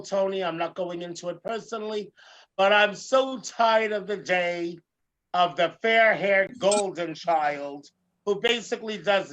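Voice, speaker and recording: A comedian and drag performer hosts a talk show, delivering an animated, theatrical rant with emphasis and repeated phrases for effect. His voice sits high with a fairly bright tone and a gravelly edge, and the highs are cut off.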